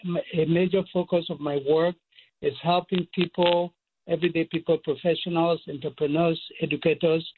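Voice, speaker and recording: A man with a Cameroonian accent, speaking as a guest expert in a measured way, listing points. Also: fairly high pitch, a little hiss or hum. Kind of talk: phone-in interview. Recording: tinny phone line.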